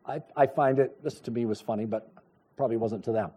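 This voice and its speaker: A middle-aged man preaching a sermon, telling a personal story with lively storytelling and acted-out dialogue. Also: medium pitch, a little fast, husky. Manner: animated storytelling, acts out dialogue, chuckles. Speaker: pastor.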